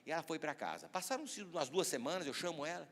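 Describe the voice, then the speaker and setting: A man with a Brazilian Portuguese accent, a pastor preaching a sermon and telling a story with animated, acted-out voices. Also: on the high side, quick pace. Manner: animated, acts out voices in anecdotes. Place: church sanctuary. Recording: reverberant church hall.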